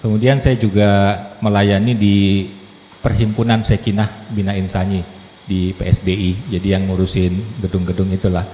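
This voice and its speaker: A lay preacher in his fifties addresses a congregation in a church hall, his warm, lowish voice moving at a moderate pace with little pitch variation. His sermon is chatty and humorous, drawing listeners in with questions. The hall echoes, and there's faint background noise.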